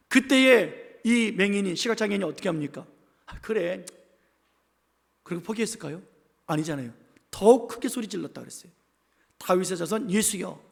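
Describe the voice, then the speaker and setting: High gravelly man preaching in a reverberant church. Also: a bit bright. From Seoul capital region. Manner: emphatic preaching, leads the congregation in call-and-response; acts out quoted voices in his telling. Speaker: pastor. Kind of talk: sermon. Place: church sanctuary, indoors. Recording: long reverb of a church sanctuary.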